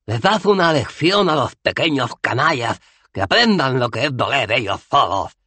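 A man voicing a gruff, weary old barbarian hero who has no teeth, in an audiobook. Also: medium pitch, very animated, moderate pace, sharp tone, dry recording, voice pushed up, full character voice. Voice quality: toothless, mumbling. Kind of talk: audiobook character voice.

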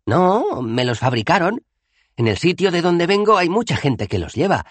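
A man voicing a timid, eager male tourist in an audiobook, talking in an animated, excited way. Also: fairly high pitch, normal speed, no echo, pitched above the performer's own voice. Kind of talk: audiobook character voice.

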